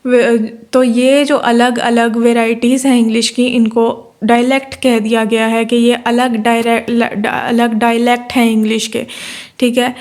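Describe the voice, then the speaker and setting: A woman lecturer from Pakistan with a fairly high voice and a flat, even delivery. She reads definitions slowly and explains them patiently, often repeating phrases and checking that listeners follow. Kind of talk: university lecture.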